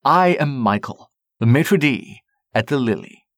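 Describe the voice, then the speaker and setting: A man reading a storybook, voicing a smiling, gracious male maitre d' who booms his welcomes. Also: lively intonation, a little slow, fairly bright tone, dry recording, clean studio sound. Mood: courteous. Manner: booming, courteous.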